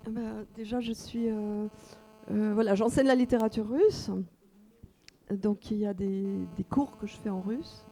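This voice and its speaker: A woman whose first language is Russian speaks unscripted as a guest author at a festival, in a meeting room with an audience. Her mid-range voice is warm and unhurried, with fairly even intonation, and she comes across as reflective and hesitant, using many fillers.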